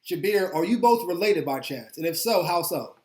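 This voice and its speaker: A man's voice: high voice, animated, normal speed, darkish tone, reverberant. A man hosting a podcast interview in a casual, upbeat way, often repeating words as he goes. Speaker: podcast host.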